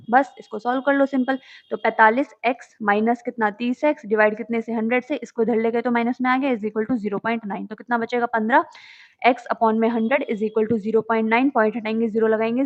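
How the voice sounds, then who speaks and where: Woman explaining maths steps, dull audio. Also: on the high side. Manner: explains step by step, asks and answers her own questions; reads questions in English, explains in Hindi. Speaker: maths teacher. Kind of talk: exam solution walkthrough.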